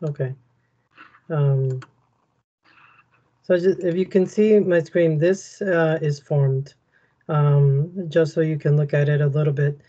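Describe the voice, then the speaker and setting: Woman walking a group through a website, mellow and monotone, muffled video-call sound. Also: deep voice, slow pace, long pauses. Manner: explanatory, steady, even. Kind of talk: screen-share walkthrough in an online meeting.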